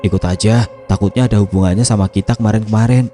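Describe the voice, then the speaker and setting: A man voices a thoughtful young boarding-school student in a horror tale. He explains his doubts hesitantly in a low, mellow voice, with soft music behind. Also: steady tone, fast, close to an everyday voice. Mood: uneasy.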